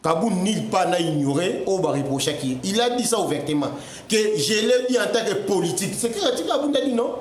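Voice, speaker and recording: A man's voice: high-pitched, big pitch swings, a little fast, hardly any pauses, echoey room, a little hiss or hum. A man arguing insistently in a studio debate, repeating words when he is cut off. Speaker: political debate guest.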